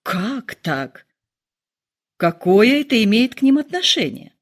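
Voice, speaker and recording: A dry, quietly teasing middle-aged husband answers with calm irony, voiced by a woman reading aloud. His lines keep a lively lilt despite the deadpan wit. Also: fairly high pitch, slow pace, voice pushed up, full character voice. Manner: dry, calm, mildly ironic.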